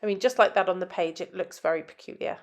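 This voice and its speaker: A woman designer with a lowish voice narrates a scrapbooking tutorial, talking fast. She's chatty and walks through each step with frequent ums, and a head cold makes her sound nasal.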